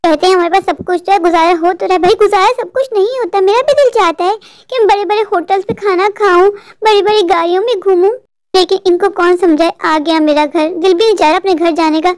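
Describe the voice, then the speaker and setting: A woman's voice: very high voice, fairly even intonation, a little fast. A woman voicing a discontented young wife in a cartoon dub, complaining bitterly about her poor life. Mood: grumbling.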